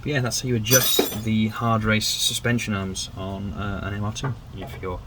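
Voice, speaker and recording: A man's voice: on the low side, level tone, moderate pace, a bit bright, a little hiss or hum. A man doing a casual, self-deprecating how-to narration while working on his car in a garage. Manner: chatty, self-deprecating, rambling. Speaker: car build vlogger. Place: garage workshop.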